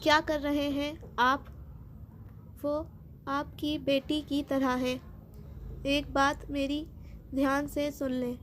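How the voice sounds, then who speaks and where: A woman's voice: sits high, a little hiss or hum, close to an everyday voice. A woman voicing an angry young man who scolds sternly, in an audiobook reading.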